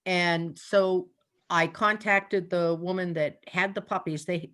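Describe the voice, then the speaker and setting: A woman's voice: lowish voice, steady tone, slow, a bit bright. An older woman, a guest animal communicator chatting in an interview, telling stories and laughing often. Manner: chatty storyteller, laughs often, plays out her animals' thoughts. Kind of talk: casual interview chat.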